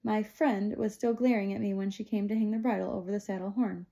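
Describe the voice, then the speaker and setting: A woman reading a novel aloud in steady first-person narration. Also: medium pitch, a little fast, creaky. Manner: steady, plain storytelling. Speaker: audiobook reader.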